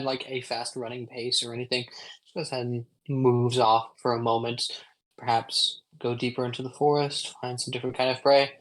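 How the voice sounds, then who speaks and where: A man runs a tabletop game, describing the scene in a measured way, pausing and filling gaps with ums. His voice sits at a middle pitch and sounds close to a streaming microphone. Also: fairly bright tone, low-quality recording. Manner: unhurried, descriptive narration with pauses and ums. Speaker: game master.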